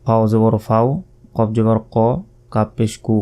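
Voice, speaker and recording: A man with a Bangladeshi Bengali accent teaching Quran recitation, patiently spelling out each letter and drawing the words out slowly. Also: lowish voice, monotone, warm tone, smooth.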